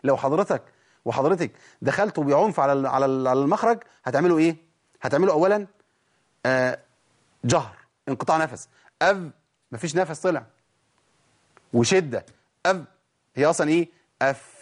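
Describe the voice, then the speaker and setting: A man with an Egyptian Arabic accent teaching Quran recitation rules, animated and demonstrating sounds again and again. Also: a little high, fast, long pauses. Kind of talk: tajweed lesson.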